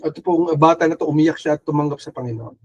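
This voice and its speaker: A man's voice: a little high, fast, breathy edge, lo-fi sound. A man with a Filipino accent, preaching an earnest, urging sermon that mixes English and Filipino. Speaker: pastor.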